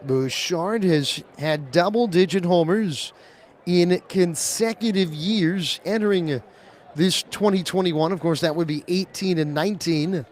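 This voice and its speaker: High-voiced baseball radio announcer, man. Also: measured pace. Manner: excited calls on big pitches. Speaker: play-by-play announcer.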